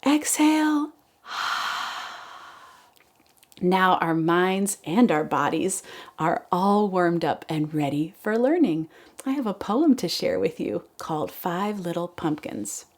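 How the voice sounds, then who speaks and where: A woman's voice: fairly low pitch, animated, unhurried. A woman speaking in a sing-song, encouraging kindergarten teacher voice, leading preschool circle time with poems and chants.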